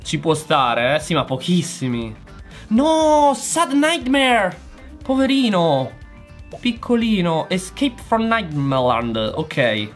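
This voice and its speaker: A slightly hoarse man doing fast-moving gameplay commentary, his pitch jumping up and down as he exclaims and chats straight at his viewers. Faint game music plays softly behind him. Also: sing-song. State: voice going hoarse. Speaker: gaming channel host.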